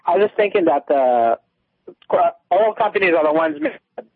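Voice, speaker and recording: A man calling in to a radio show on a speakerphone, hurried and apologetic. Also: on the high side, expressive, breathy edge, dry recording. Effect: on speakerphone over a phone line. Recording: tinny speakerphone line from far off.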